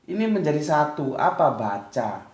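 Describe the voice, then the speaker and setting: A man's voice: fairly high pitch, very animated, moderate pace, darkish tone, slight background noise. Man teaching in an echoey room. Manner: casual, talks straight to listeners, often checks they follow. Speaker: religious teacher. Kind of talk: informal religious lecture.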